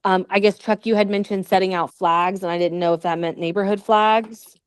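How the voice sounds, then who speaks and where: A woman's voice: medium pitch, fairly even intonation, fairly quick, clear, resonant tone, no room sound. A woman giving an informal update as a volunteer coordinator at a meeting, tentative and thinking aloud as she goes.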